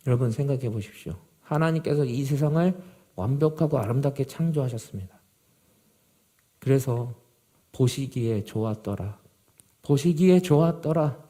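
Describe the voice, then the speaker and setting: A male pastor preaching a sermon to a youth group, swinging from loud, urgent emphasis to low, quiet gravity. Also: moderate pace.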